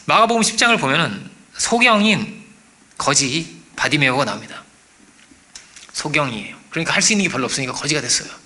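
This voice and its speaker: A man preaching a sermon as pastor, animated, asking the congregation for agreement and acting out quoted voices. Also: on the high side, a little fast. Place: church.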